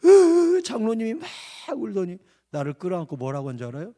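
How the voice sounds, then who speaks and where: A man preaching a revival sermon in a church, his voice pitched high and gravelly. He drops to quiet storytelling, then erupts into shouts. Every phrase climbs and falls over a wide range. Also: big pitch swings, fast talker. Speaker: pastor. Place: church sanctuary.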